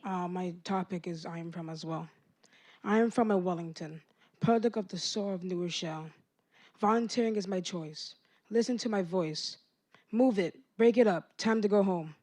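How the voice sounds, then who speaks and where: A man's voice: sits high, normal speed, darkish tone. Teen boy performing a rhythmic poem. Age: teens. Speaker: student poet. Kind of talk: spoken word poetry.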